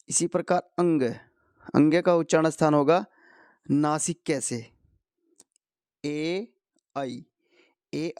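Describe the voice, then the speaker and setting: A man teaching Hindi grammar to exam students, going slowly, posing questions and answering them himself. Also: fairly high pitch, darkish tone, no room sound, clean studio sound. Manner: slow, repeats key answers, asks and answers his own questions. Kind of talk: explanatory lesson for competitive exam students.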